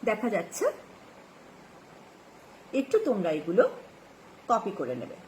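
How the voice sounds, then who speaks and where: A woman teacher with a Bengali accent, reading an English story slowly and then explaining word meanings and spellings in a classroom lesson. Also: medium pitch, sing-song, a little mellow, slight background noise, rough recording. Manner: slow, careful reading with spelled-out words.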